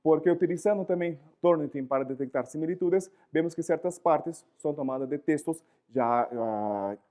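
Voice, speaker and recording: In a slightly high voice and at a normal pace, a man lectures live in Spanish, his Portuguese accent reflecting his first language. Animated throughout, he often hunts for the right word and throws out rhetorical questions.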